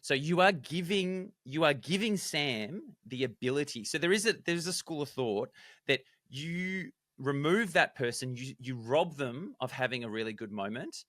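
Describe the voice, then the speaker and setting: Bright, dry-voiced man analysing. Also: fairly high pitch, normal speed, dry recording. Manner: animated, explains strategy in detail. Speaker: podcast co-host, former contestant. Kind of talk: casual analytical chat.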